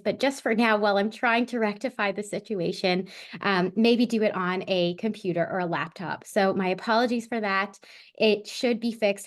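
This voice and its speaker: Young woman doing a spiritual reading, talks casually with lots of ums and little laughs, goes quiet and soft a lot. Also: medium pitch. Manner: chatty, with many fillers and soft laughs; drops to a soft, hushed voice while reading. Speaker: spiritual guidance reader and podcast host. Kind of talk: casual podcast chat and intuitive reading.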